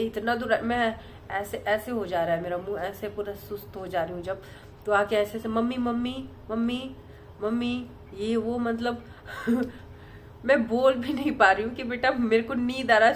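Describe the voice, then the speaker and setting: A woman vlogger telling a personal story in a casual, rambling way, softly and with many fillers and restarts. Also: a little high, steady tone, moderate pace, slight background noise.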